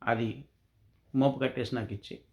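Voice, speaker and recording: A man's voice: mid-range voice, fairly even intonation, normal speed, close to an everyday voice. A demanding monkey from a children's story keeps insisting on getting his things back, voiced by a male storyteller. He sounds stubborn and pushy, in a plain, lightly acted storytelling voice.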